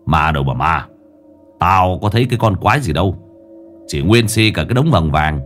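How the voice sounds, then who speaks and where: A blunt, crude older man with a low, gruff voice, voiced by a male narrator. He speaks deep and lively, with faint music behind. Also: moderate pace.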